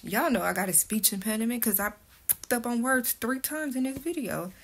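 Talking at normal speed in a slightly high voice, a young woman with a speech impediment vlogs a story to her phone camera held close. She's indoors at home between the kitchen and living room, candid and blunt, with casual cursing.

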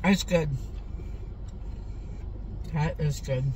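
A man chewing through a casual taste test with his mouth full, murmuring approval slowly inside a car. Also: on the high side, a little mellow, slight background noise. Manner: slow, savoring, lots of murmured approval. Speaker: vlogger taste-testing cookies.

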